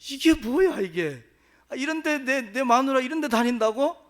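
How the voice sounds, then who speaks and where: A volatile drunken husband from an old village tale, played by a man in the pulpit, barking threats in a high, swooping voice. He flips between rage and frantic pleading, never steady. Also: a little fast. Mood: furious. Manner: shouting threats, then pleading. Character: angry drunken village husband, later cowering.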